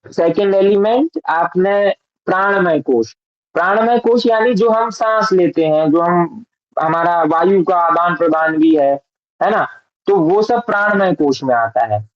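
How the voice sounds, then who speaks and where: A man teaching a Vedanta class with a patient manner, checking in with his students and reciting Sanskrit verses slowly. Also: high-pitched, expressive, no room sound, dull audio. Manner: patient, checks understanding with frequent "है ना, ठीक है". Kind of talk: classroom lesson on a Sanskrit text.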